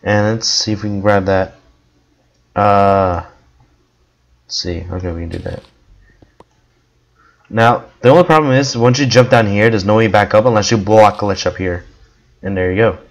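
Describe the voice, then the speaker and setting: A man giving casual gameplay commentary with a hoarse, worn voice, coughing now and then and rambling with many fillers. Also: on the low side, moderate pace, rough recording. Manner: rambling, with frequent ums and restarts. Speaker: gameplay video creator.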